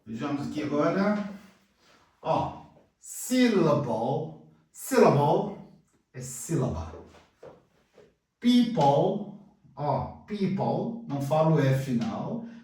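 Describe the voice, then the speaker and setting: Slow-talking Brazilian English teacher, echoey room. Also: male voice, a little high, darkish tone, distant mic. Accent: Brazilian Portuguese. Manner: slow, drills words twice then translates. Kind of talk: pronunciation lesson. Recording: echoey room, voice away from the mic.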